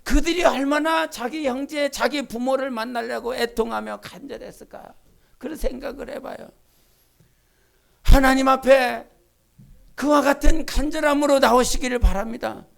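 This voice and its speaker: A woman pastor delivers a Sunday sermon in a church, her voice carrying a gravelly edge. She drops to hushed, confiding asides, then climbs into fervent, shouted pleas. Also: high-pitched, fairly even intonation, moderate pace. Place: church sanctuary.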